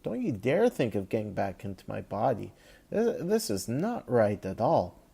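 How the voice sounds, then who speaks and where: A man's voice: fairly low pitch, wildly swooping pitch, normal speed, creaky, dark tone, husky, full character voice. A man voicing an indignant male police detective who scolds someone in outrage. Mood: outraged.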